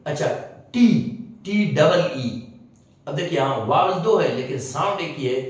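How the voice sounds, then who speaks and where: A man's voice: on the high side, expressive. Man teaching in an echoey room. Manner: explains slowly, repeating points and checking with 'right?'. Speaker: English teacher. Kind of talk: video lesson. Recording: echoey room, distant mic.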